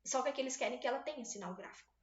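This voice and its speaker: High-voiced woman teaching in a roomy space. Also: very fast. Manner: patient, explanatory, checks in with students often. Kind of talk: exam-prep video lesson. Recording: roomy, slightly dull recording.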